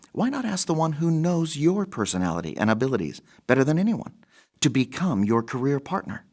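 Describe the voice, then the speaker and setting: A man's voice: mid-range voice, darkish tone. A man presenting a scripted inspirational radio program. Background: background music.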